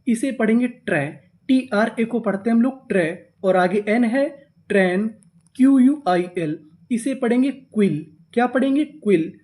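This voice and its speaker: A man with a mellow, fairly high voice teaches English reading. He spells each word letter by letter, draws it out slowly and repeats it. He keeps asking his own questions and answering them right away. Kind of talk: spoken lesson.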